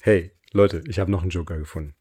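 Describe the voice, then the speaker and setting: A man acting as a voice coach, calmly reading affirmation sentences aloud and pausing between them as a guided exercise. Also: deep voice, breathy edge. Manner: slow, calm, reads affirmations aloud with pauses.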